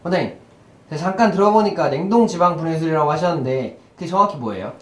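A TV reporter asking quick, polite questions on site. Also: mid-range voice, expressive, soft background music. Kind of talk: on-site interviewing. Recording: echoey room with faint noise.

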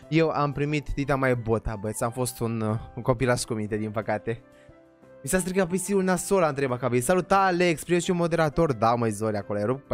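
A young man hosting a casual livestream, energetically greeting viewers by name. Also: mid-range voice. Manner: energetic, rattles off viewer names; says he talks more quietly than usual. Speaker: livestream host.

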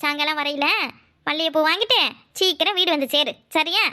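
A woman voicing a bossy, sharp-tongued young village wife in a cartoon, giving orders and quick retorts. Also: high-pitched. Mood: coaxing. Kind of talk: cartoon voice acting.

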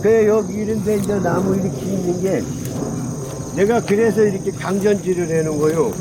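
High-voiced man. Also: steady tone, normal speed, very noisy. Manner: repetitive, folksy explaining while pointing at branches. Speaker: pine tree grower. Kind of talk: casual hands-on pruning demonstration. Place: outdoors among pine trees in the countryside.

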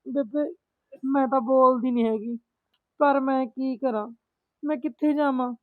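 A woman's voice: high voice, fairly even intonation, measured pace, no echo. A young woman playing a distressed married daughter who pleads tearfully about her in-laws in a rural family drama. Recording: thin phone-like sound.

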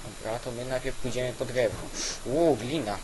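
A man giving casual, halting gameplay commentary, thinking aloud as host on an old weak microphone. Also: medium pitch. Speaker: gaming video host. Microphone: old cheap weak microphone. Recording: constant hiss from weak microphone.

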